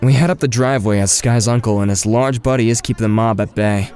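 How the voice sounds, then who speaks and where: A young man voices an earnest, awkward teenage boy in an audio drama, handling first-person narration and dialogue with a wry touch. His natural, smooth voice is mid-range and darkish, steady in tone, and delivered fast.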